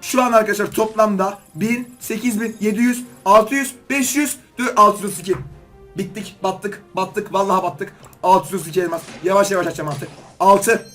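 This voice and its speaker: Fast, high-voiced excitable man gaming. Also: soft background music. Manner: excitable, pleading with and scolding the game. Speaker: gaming YouTuber. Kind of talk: excited game commentary while opening loot boxes.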